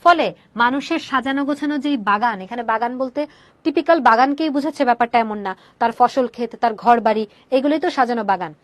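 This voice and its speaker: Young female teacher, high-pitched, dry close mic; rhetorical questions, English words sprinkled in. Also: a little fast, no echo. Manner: asks questions and answers them herself; mixes English words into her explanation. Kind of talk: online class explaining a poem.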